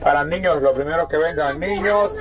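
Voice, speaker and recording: A man's voice: a little high, a little fast, crowd noise, poor audio. Teasing Salvadoran man calling from a truck. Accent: Salvadoran Spanish. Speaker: vlogger calling out a toy giveaway. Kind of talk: casual joking banter and street calls.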